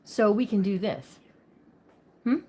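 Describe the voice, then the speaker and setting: A woman's voice: mid-range voice, slow, husky. A woman hosting a casual craft livestream. She chats with viewers by name and thinks aloud while she works. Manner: says she talks loud.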